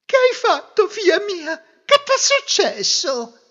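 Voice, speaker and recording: A man voicing the bride's foolish mother, crying out in high lament. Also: sing-song, slow, a bit bright, heavily acted. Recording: dull lo-fi recording.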